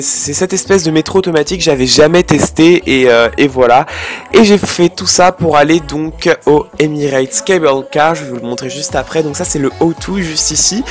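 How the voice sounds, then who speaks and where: A French teenage boy talks through his travel footage in a loose, chatty voice-over. His pitch sits in an ordinary middle range, and he keeps stopping to restart his sentences. Faint music plays softly behind him. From France. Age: teens. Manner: chatty, many fillers and restarts. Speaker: travel vlogger. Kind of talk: casual travel vlog voice-over.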